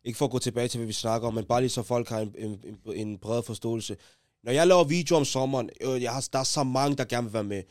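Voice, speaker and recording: A man's voice: mid-range voice, a little mellow, dry recording, studio quality. A young man in casual podcast chat, laid-back, calling everyone "bro" and mixing English slang into his talk. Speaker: podcast co-host.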